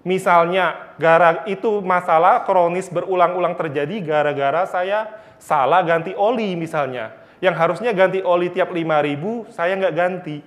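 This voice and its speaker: A man's voice: high-pitched, normal speed. A man preaching a sermon, earnest and telling stories with repeated phrases. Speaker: Bible teacher.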